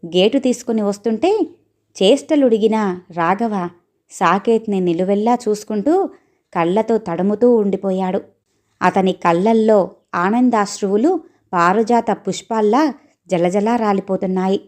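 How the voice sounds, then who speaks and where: A woman storyteller reading an audio story aloud in a steady, expressive way. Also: mid-range voice, a little slow, pauses often.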